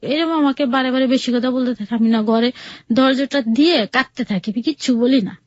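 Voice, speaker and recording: Speaking briskly in a high-pitched voice over dull audio, a woman from Bangladesh, outside Sylhet, shares her life story on a radio interview. Her Bangladeshi Bengali accent comes through as she narrates plainly and conversationally, quoting what people said.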